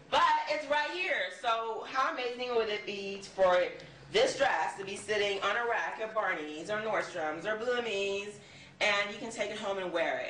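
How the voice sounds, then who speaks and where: A woman from Liberia, a fashion designer, giving an emphatic, sassy pitch with playful rhetorical asides. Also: fairly bright tone. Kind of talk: lively self-promoting pitch. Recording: roomy, distant mic, faint background noise.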